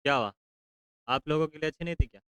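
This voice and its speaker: A male teacher, bantering with his class and teasing students into speaking up loudly. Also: a little high, fast talker, clear, resonant tone, no echo, rough recording.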